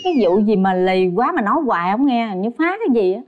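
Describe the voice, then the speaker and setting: Quick-talking older woman, blunt. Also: medium pitch, lively intonation, highs cut off, slight background noise. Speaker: guest's mother. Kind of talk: casual TV talk show chat.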